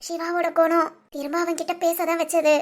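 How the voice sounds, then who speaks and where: Earnest young woman, high-pitched, soft-spoken. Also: little pitch movement, normal speed. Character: earnest young woman in love, modest and worried. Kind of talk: storybook voice acting.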